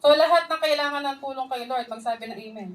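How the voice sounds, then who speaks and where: A woman's voice: sits high, fast, far from the mic, background noise. A woman preaching a sermon in an earnest way, mixing in English phrases and calling on the congregation to respond.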